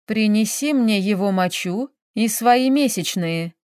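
A crafty old village witch who takes her time, every word slow and knowing with a quiet mocking edge, as a woman reads her in a storybook. Her voice sits at a middle pitch and sounds dry and close. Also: animated, clear, resonant tone, no echo, close to an everyday voice. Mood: sly.

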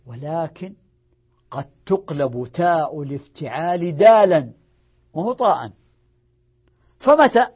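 A man's voice: on the high side, expressive, a little slow, husky. A man, a sheikh, lecturing on grammar who repeats each rule and drills word forms, asking questions and answering them himself. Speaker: sheikh teaching Arabic morphology. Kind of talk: classroom lecture. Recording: dull lo-fi lecture recording.

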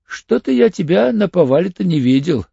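A man's voice: high-pitched, big pitch swings, normal speed, gravelly, dark tone, breathy edge, dry recording, muffled recording, voice pushed up, full character voice. A man voicing Mishka, a hardened male ex-convict who talks bluntly and in clipped phrases, in an audiobook. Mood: hard, curt. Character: tough hardened male ex-convict, curt and cool.

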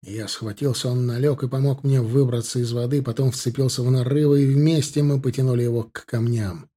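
Husky-voiced male audiobook narrator. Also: mid-range voice, steady tone, a little fast, dark tone. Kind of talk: scripted first-person narration.

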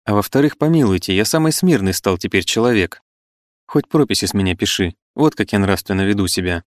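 A man's voice: lowish voice, expressive, fairly quick, dry recording, clean studio sound, lightly acted. A man reading the part of an irritable older male cynic, mocking and exclamatory.

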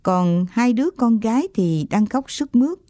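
A woman narrating a childhood story in a gentle, steady reading voice. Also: fairly high pitch, moderate pace, no echo.

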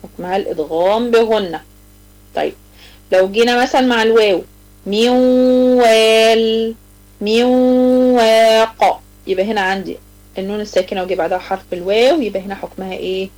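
A woman with an Egyptian Arabic accent teaching a live online tajweed lesson to girls. She explains each rule step by step, asks her students questions, and recites the examples slowly and drawn out. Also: medium pitch, a little mellow, rough recording.

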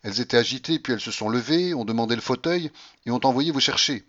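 Hurried, deferential old manservant, read by a man; muffled recording. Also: mid-range voice, a bit bright, close to an everyday voice. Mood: urgent. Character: fussy old male servant.

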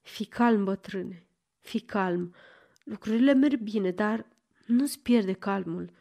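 A woman's voice: mid-range voice, gravelly, warm tone, close to an everyday voice. A woman reading an audiobook and voicing a polite, wry young man who keeps up a bluff. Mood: musing.

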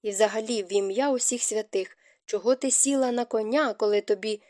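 A woman's voice: fairly high pitch, steady tone, fairly quick, warm tone, no room sound, studio quality, natural voice. A woman voicing an anxious, stern young nobleman husband in an audiobook, speaking urgently and insistently. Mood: angry.

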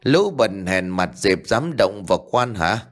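A man voicing an arrogant soldier who barks rough insults. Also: lowish voice, sing-song, measured pace, faint music behind. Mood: contemptuous. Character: arrogant shouting soldier clearing the road.

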